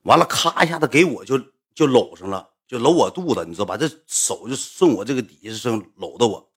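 A man with a Northeastern Mandarin accent telling a story in casual chat, animated and acting out the voices of the people in it. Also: mid-range voice, a little fast, breathy edge. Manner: animated, acts out quoted voices.

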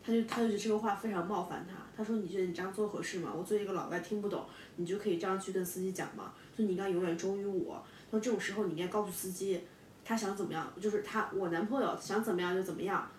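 Young woman guest, rapid storyteller, restarts a lot; distant, roomy recording with faint rumble. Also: fairly even intonation, a little mellow. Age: 20s. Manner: fast, halting with many repeated words. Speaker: guest telling her breakup story. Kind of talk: casual podcast storytelling. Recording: echoey room, distant mic, faint rumble.

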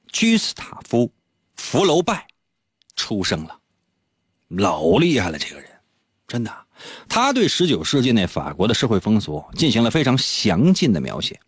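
A man's voice: unhurried, long pauses, husky, no room sound, studio quality. Playful man telling radio stories. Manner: playful, teasing, jumps into high excited pitch. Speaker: radio host. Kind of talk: comic radio storytelling. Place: radio studio.

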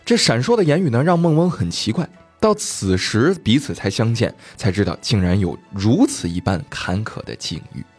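Male podcast storyteller, lively and colloquial, a slightly husky voice, soft music underneath. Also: on the low side, moderate pace, few pauses. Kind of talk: animated storytelling of folk tales.

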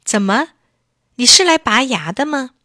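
A woman reading a children's storybook, voicing a brisk male fish dentist. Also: high-pitched, sing-song, sharp tone, dry recording, clean studio sound, exaggerated voice. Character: gruff male fish dentist with big pliers.

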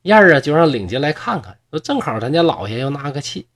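Husky animated male storyteller. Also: a little high. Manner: lively, drawn-out sentence-final particles.

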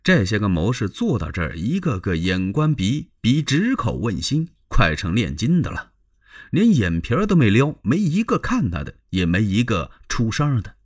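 A man's voice: on the low side, wildly swooping pitch, normal speed, husky. A man performing a traditional spoken story in a dramatic, conversational way with asides to the listener.

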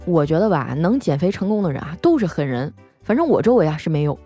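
A woman's voice: deep voice, big pitch swings, quick pace, dark tone, soft background music. A female podcast host telling comic stories in a chatty, teasing way. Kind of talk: comic storytelling.

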